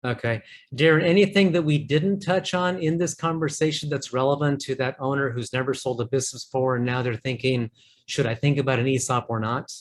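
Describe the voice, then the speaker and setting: Interview host, man, mid-pitched, measured and friendly. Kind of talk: interview hosting.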